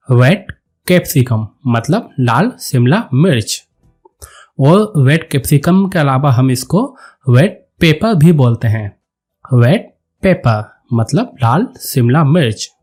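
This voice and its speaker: A man teaching a vocabulary lesson, saying each word and then repeating it slowly and deliberately. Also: medium pitch, a little mellow. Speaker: English teacher.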